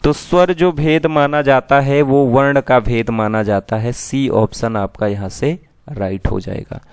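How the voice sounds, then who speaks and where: A man's voice: medium pitch, a little slow, clear, resonant tone, no room sound, clean studio sound. A man teaching an exam-prep lesson who asks his students questions and then answers them himself.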